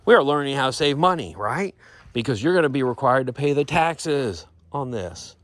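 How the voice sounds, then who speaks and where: A man talks his way around a vehicle outdoors in a loose, rambling vlog style. He drifts off track and apologizes, then leans into a mock infomercial pitch with obvious relish. His voice sits at an ordinary middle pitch. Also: expressive, normal speed, dry recording. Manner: rambling, loses train of thought, playful sales-pitch tone. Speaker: vlogger showing a vehicle giveaway. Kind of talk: casual walkaround vlog.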